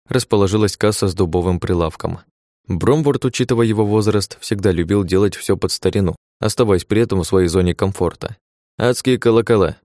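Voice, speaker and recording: A man narrating an audiobook in an even, wry storytelling manner. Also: low-pitched, no room sound, clean studio sound.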